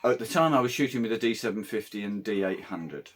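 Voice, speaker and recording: A man with a slightly croaky voice, a wedding photographer giving a casual, meandering camera review vlog. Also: lowish voice, animated, fast. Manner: conversational, meandering.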